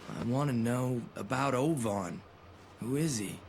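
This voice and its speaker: A man's voice: mid-range voice, a little slow, darkish tone. An actor playing a terse, impatient young man in a video game, curt and guarded. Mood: guarded, sullen. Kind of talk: English video game voice acting. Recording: clearly noisy game audio with ambience.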